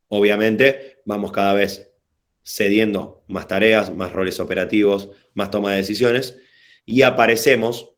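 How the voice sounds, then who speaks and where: A workshop facilitator with a Rioplatense Spanish accent and a fairly low voice leads an informal online session over a video call. He's casual, slangy and prone to digressions, often restarting a phrase before landing on the right words.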